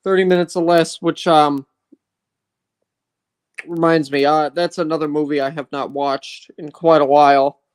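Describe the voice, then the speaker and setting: A man's voice: fairly high pitch, little pitch movement, normal speed, pauses often, smooth. A man chatting casually as a co-host, making brief, agreeable asides. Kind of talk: casual chat.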